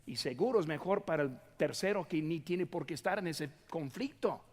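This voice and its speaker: A man's voice: on the high side, expressive, normal speed, big-room sound. A middle-aged man preaching a sermon as pastor, emphatic and often speaking straight to the congregation. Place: church sanctuary.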